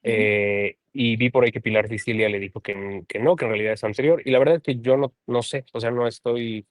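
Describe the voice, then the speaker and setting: A man with a Mexican accent, speaking as an interview guest in a relaxed, thoughtful way and often adding a questioning tag. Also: medium pitch, fairly quick, dry recording. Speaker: translator and guest. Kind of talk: casual conversation.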